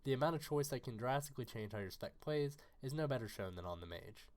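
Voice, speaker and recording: A man with a raspy, hoarse voice from being under the weather, giving a scripted game guide narration in a brisk, informative way. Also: mid-range voice, lively intonation, a little mellow. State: hoarse from illness.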